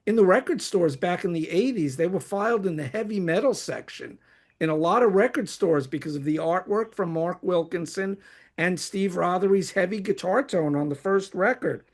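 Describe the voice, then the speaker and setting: High-voiced man with a New York accent. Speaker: host. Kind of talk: reading prepared notes on favourite songs.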